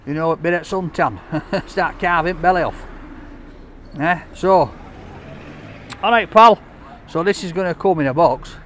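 Yorkshire man, jokey food vlogger, slightly high voice, out on a noisy street. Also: moderate pace. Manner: chatty, jokey, cheerful banter. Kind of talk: casual vlog chat. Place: outdoors on a city street. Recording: street noise behind. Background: traffic and scaffolding work.

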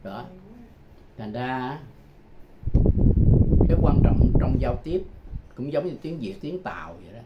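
A man's voice: mid-range voice, big pitch swings. Older man, teaching. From Vietnam. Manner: chatty, repeats phrases slowly, chuckles often. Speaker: English tutor. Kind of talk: casual self-made language lesson. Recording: dull lo-fi sound with loud background noise.

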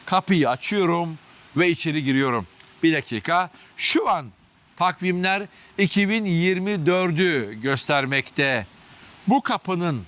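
A man's voice: fairly high pitch, a bit bright. A man hosting a history vlog on location underground, narrating dramatically and speaking straight to his viewers and crew, his voice echoing in the chamber. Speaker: history vlog host and guide. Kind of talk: spoken on-location tour narration. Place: underground stone passages beneath old city.

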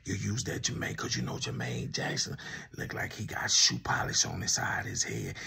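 Man host, mocking commentary to camera, gravelly husky voice, unhurried delivery. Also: on the low side, pushed and bright. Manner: teasing, laughs often, addresses the subject directly.

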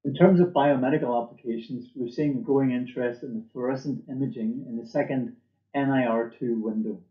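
A company presenter gives a scripted corporate talk in a measured, formal way, his voice mid-range for a man and steady in tone. The audio is slightly dull and quite roomy, like a computer mic in a small indoor office or lab room.

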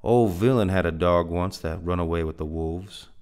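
A man reading aloud, voicing a gruff, stubborn frontier man with a folksy backwoods drawl who flares up now and then. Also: low-pitched, normal speed, a little mellow. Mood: grim. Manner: folksy backwoods drawl, hot-tempered outbursts. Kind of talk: dramatic reading.

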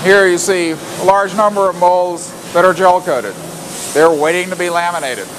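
A high-voiced man guides a walking tour through a factory at a moderate pace, laying out each step plainly but with many fillers and restarts. Factory noise from the loud floor sits behind him.

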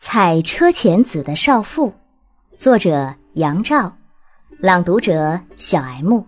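A woman's voice: mid-range voice, a little mellow. A woman narrating a book on classical poetry as an audiobook reader, reading expressively and posing rhetorical questions. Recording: dull lo-fi audiobook recording.

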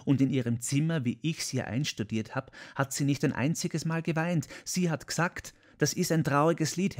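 A man voicing an excitable, boastful older songwriter in an audiobook, chatty and quick to defend himself. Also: mid-range voice, pitched above the performer's own voice, natural voice. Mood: insistent. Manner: chatty, self-defending, emphatic. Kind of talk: audiobook character voice.

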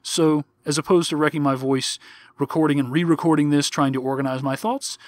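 A man hosting a casual game commentary show, musing aloud with rhetorical questions and many fillers, his voice close to going hoarse on a backup mic. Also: on the high side, fairly even intonation, brisk, dry recording. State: nearly hoarse. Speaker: show host.

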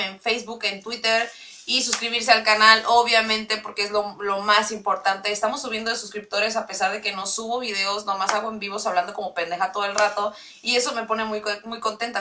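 Speaking from a distance, this woman has a medium-pitched voice that sounds pushed and bright. She is a young vlogger from Mexico City, with a mixed Latin American Spanish accent rooted in her home city, talking casually to camera in a small bedroom while rambling and giggling between fillers.

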